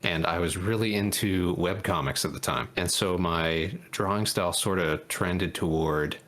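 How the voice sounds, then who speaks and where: A man's voice: sits low, normal speed, a bit bright. A man chatting casually and joking with fellow artists while drawing. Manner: joking, chatty, with many fillers. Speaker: artist in a group drawing stream. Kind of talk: casual chat. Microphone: online voice call.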